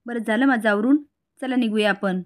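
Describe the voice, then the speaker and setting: A bossy sister-in-law who needles and blames everyone in a retold soap drama, voiced by a woman storyteller. Her lines come out high and pointed. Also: fairly quick, natural voice. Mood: needling.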